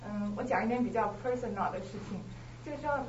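A married woman sharing about her husband in class, hesitant with many pauses. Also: a little high. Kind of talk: personal testimony sharing. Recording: roomy, distant, lo-fi with noise.

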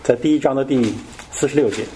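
A man's voice: medium pitch, quick pace, mellow, slight background noise. A man teaching a Bible study in a casual, conversational way, often asking his listeners questions.

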